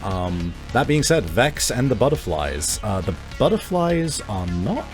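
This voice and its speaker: A man's voice: lowish voice, very animated, unhurried, over music. A man running a tabletop game as game master, talking casually with frequent swearing and fillers.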